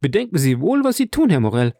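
A man voicing a lively, teasing young nobleman. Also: a little high, fast, gravelly, dry recording, studio quality, voice pushed up. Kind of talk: audiobook reading.

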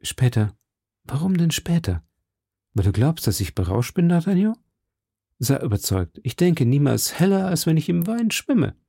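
Man playing a weary cynical musketeer, dark and gravelly, dry. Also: on the high side, normal speed, no room sound, voice pushed up, full character voice. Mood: coaxing. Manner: calm, world-weary. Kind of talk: audiobook character voice.

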